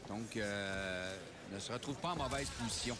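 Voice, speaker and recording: A man's voice: fairly low pitch, normal speed, over a noisy crowd. A man with a Quebec French accent giving live analytical boxing commentary from ringside. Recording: loud arena noise behind.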